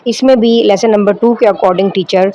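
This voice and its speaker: A woman with a Pakistani accent talks through an online Quran teaching lesson. Her voice sits at an ordinary middle pitch, and she explains in a calm, instructive way. She keeps checking in with her listeners as she goes. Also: lo-fi sound. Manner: explanatory, checks in with repeated rhetorical questions. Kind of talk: instructional lesson, mixing Urdu with slowly read English lines.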